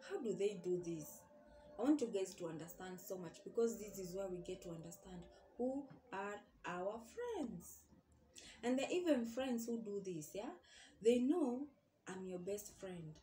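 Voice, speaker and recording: A woman's voice: mid-range voice, mellow, reverberant, slight background noise. Earnest woman giving friendship advice. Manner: earnest, questioning, repeats points for emphasis. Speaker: vlogger. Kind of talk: casual advice monologue.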